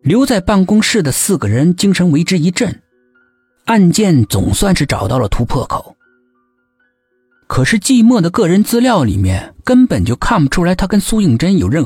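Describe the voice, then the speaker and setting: A husky-voiced man narrates a suspense mystery with an animated, rising-and-falling delivery, pitched slightly high. The recording is dry and close, with a faint music bed underneath. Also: moderate pace, no room sound. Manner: lively, expressive storytelling. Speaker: audiobook narrator.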